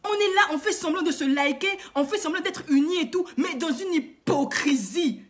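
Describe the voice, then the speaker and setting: Her voice sits high and moves at a moderate pace as she, a vlogger and coach, moralizes passionately at her viewers. Indignant rhetorical questions and lots of repetition drive the monologue.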